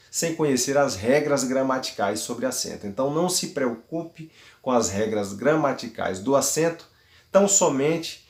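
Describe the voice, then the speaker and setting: A man giving a recorded grammar lesson as a teacher, explaining patiently and repeating words slowly syllable by syllable. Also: mid-range voice, darkish tone, reverberant. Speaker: Greek teacher.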